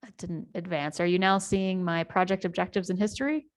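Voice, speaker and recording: Presenting at an online town hall over a video call, a middle-aged American community presenter from the United States tells her story and shows a project, with many ums and restarts. Her voice is fairly low in pitch, steady in tone, and brisk.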